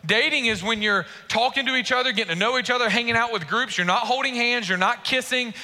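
A man's voice: very high-pitched, quick pace, bright, forceful tone, long reverb tail. A man preaching a sermon as pastor, earnest and speaking directly to the congregation.

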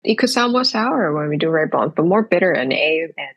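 A young woman from Hong Kong, a percussionist guest in a casual podcast interview, speaking thoughtfully with frequent pauses. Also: low-pitched, animated, highs cut off.

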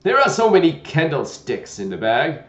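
A man voicing a gentle, fussy old knight who talks loudly and fretfully. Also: on the high side, big pitch swings, normal speed, pitched above the performer's own voice. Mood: fussy eager. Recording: dull lo-fi roomy recording.

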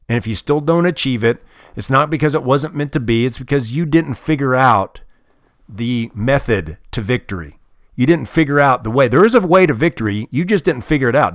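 A man's voice: mid-range voice, no echo, clean studio sound. A man giving a motivational talk, blunt and heavily profane, hammering home his points with emphasis. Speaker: motivational speaker.

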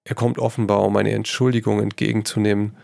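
A man reading a story aloud, voicing an earnest young gentleman who talks quickly when he is flustered. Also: fairly low pitch, level tone, vocal fry, dry recording.

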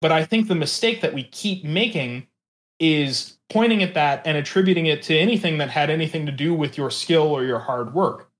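Earnest man explaining, slightly high voice. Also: normal speed. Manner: earnest, hedging, often checks with "right?". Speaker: interview participant. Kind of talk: conversational opinion and explanation.

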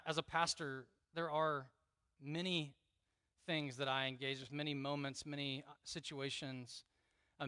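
A man's voice: fairly high pitch, dry recording. A middle-aged man preaching a conversational, earnest sermon as pastor. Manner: conversational, earnest preaching with quiet emphatic repeats.

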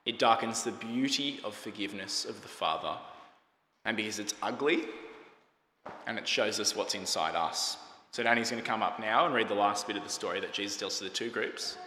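A man's voice: fairly low pitch, fairly quick, pushed and bright, a little hiss or hum. A man preaching a sermon in a conversational way, asking the congregation questions. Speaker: pastor. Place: church hall. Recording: echoey hall with faint ambience.

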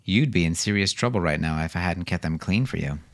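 A man's voice: sits low, lively intonation, fairly quick. A man reading an audiobook, voicing a teasing, sarcastic young mother with a raised, lighter voice. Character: teasing, sharp-tongued young mother and wife.

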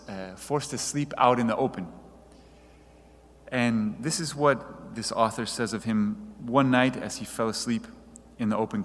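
Male preacher, measured earnest delivery, reverberant church hall. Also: mid-range voice, fairly bright tone. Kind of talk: sermon.

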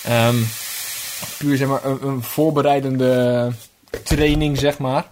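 A man co-hosting a comedy podcast, talking in a deadpan, rambling way full of fillers while cooking in a kitchen. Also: mid-range voice, takes it slowly, slight background noise. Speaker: podcast co-host. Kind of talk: casual comedic banter.

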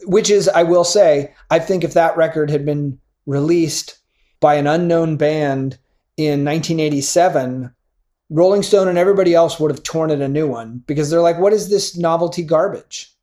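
Middle-aged male co-host, chatty and animated, swears casually, wanders mid-thought. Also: on the high side, moderate pace. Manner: animated, profane, rambling with fillers. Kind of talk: casual chat about music.

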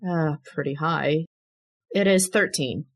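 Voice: mid-range voice, slow. A player at a tabletop game, talking casually about rolls and asking questions.

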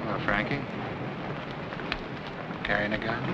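A man's voice: fairly low pitch, little pitch movement, lightly acted. A man playing a relentless, sardonic, coolly patient police detective in 1940s film noir style. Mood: coolly taunting. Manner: cold, sardonic, deliberate. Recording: muffled, noisy old film soundtrack.

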